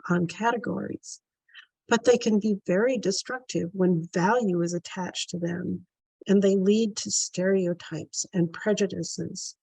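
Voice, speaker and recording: A woman delivers a prepared talk as moderator of a panel, unhurried and measured, each point laid out with care. Her voice sits in a middle register and comes across dry and close, with no room sound. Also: mid-range voice, darkish tone, no echo, low-quality recording. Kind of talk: prepared presentation.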